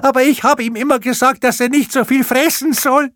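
A man voicing a sobbing, plump old female housekeeper who wails and laments in a husky falsetto. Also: steady tone, a little fast, fairly bright tone, no echo, clean studio sound. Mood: wailing. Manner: wailing, lamenting.

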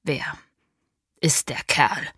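A woman voicing a domineering middle-aged father who shouts and threatens in harsh bursts, in an audiobook reading. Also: extremely slow, dry recording, studio quality. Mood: menacing.

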